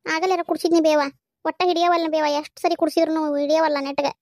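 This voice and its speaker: A woman's voice: very high-pitched, level tone, fast talker, darkish tone, no echo, clean studio sound. A woman voicing an anxious young mother with a North Karnataka accent. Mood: worried. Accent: North Karnataka Kannada. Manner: pleading, worried. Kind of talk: cartoon voice acting.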